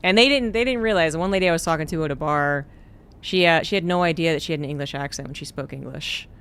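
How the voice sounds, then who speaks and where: A little high and quick-paced, the man's clear, resonant voice drifts through casual chat while he streams a game, rambling easily and leaning on fillers.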